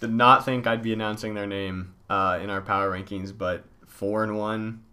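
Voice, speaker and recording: Bright-voiced man announcing a top ten countdown. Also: on the low side, steady tone, moderate pace. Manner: announces rankings, then comments casually. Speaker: podcast host.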